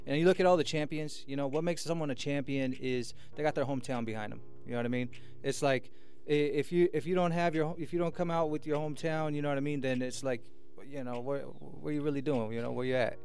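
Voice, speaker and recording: A fast-talking man with a slightly high, mellow, clean voice and fairly even intonation speaks over faint background music. He's an American from Sacramento, California, a musician and promoter guesting on a radio show in the studio. He rambles casually and earnestly, often checking "you know what I mean."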